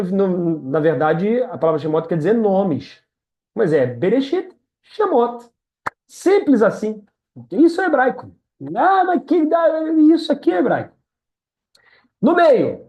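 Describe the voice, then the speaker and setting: A woman's voice: on the low side, darkish tone. A woman tutoring a student one-on-one in reading Hebrew, patient and encouraging, speaking over a video call. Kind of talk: one-on-one language lesson. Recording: dull lo-fi sound.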